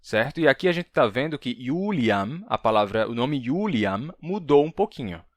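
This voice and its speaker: A man with a Brazilian Portuguese accent teaching a language lesson. He reads Latin slowly, with playful sound effects. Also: mid-range voice, big pitch swings, no echo, studio quality. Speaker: language teacher and channel host. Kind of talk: language lesson with a sponsor read.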